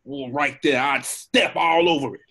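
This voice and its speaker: A man reads an animated film script, voicing a talkative, cowardly donkey in a husky, mid-range voice. His delivery is jittery, rambling and wheedling at a moderate pace, with a cocky mood.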